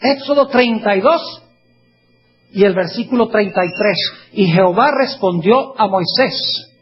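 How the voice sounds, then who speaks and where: A man preaching a sermon in a husky voice. He slows down to read scripture and keeps turning to his listeners with questions. The recording sounds dull and lo-fi. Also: sits high. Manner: asks the audience questions, reads scripture slowly.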